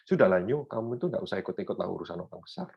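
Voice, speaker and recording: A man doing a gossipy mother, lower voice. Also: animated, rapid-fire, creaky, husky, exaggerated voice. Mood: dismissive. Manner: chatty, brushing off her son. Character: gossiping middle-aged mother, dismissive. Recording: dull lo-fi sound.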